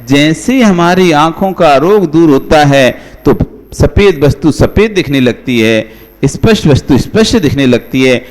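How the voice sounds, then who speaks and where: A man's voice: sits high, long reverb tail. A man, a monk, giving a conversational sermon, asking his listeners rhetorical questions and calling on them by name. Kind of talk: devotional sermon.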